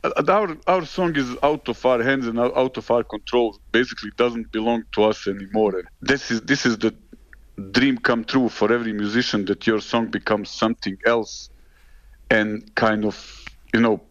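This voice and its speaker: A man from Bosnia speaks earnestly as an interview guest, stumbling and repeating words while he gathers his thoughts. His voice sits at an ordinary pitch and sounds dull and muffled, with a dry, close sound. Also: moderate pace, dry recording. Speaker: band member, interview guest. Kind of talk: casual interview answers.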